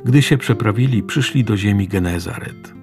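A man reading a Gospel passage aloud in a measured, solemn way. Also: lowish voice. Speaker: scripture reader. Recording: music bed under voice.

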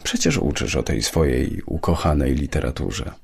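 A man's voice: a bass voice, very animated, moderate pace, gravelly, darkish tone, slightly rough, full character voice. An actor in a radio play voicing a wealthy, lonely middle-aged businessman who speaks in a dry, reserved way. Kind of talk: radio drama acting.

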